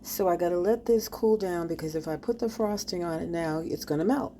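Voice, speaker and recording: A woman talks casually to her viewers as she bakes in her kitchen at home, humming when she tastes things and at times speaking with her mouth full. Her voice is lowish, warm and fairly quick, and the recording carries a slight hiss or hum.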